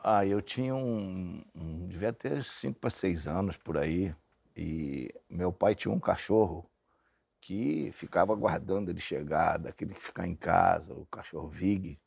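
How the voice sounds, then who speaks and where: A middle-aged man telling rambling, low-key anecdotes in a casual group chat. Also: unhurried, vocal fry, darkish tone, breathy edge, dry recording. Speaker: guest.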